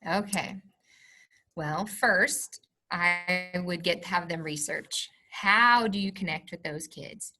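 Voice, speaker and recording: Bright-voiced passionate woman administrator. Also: on the low side, takes it slowly. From Missouri, USA. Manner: earnest and passionate, stressing words. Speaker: alternative school administrator, guest. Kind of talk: podcast interview.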